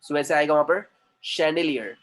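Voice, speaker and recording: Slow man teaching grammar. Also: fairly high pitch, a bit bright. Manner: slow, repeats words for students to echo. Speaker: communication trainer. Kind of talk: English grammar class in Hindi.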